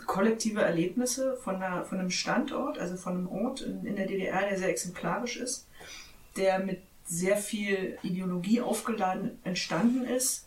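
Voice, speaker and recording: A woman's voice: mid-range voice, normal speed, a little mellow. A woman in her forties from East Berlin, speaking thoughtfully and with enthusiasm as a roundtable guest. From East Berlin, Germany. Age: 40s. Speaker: discussion guest. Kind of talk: casual roundtable talk. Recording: roomy, distant, faint noise.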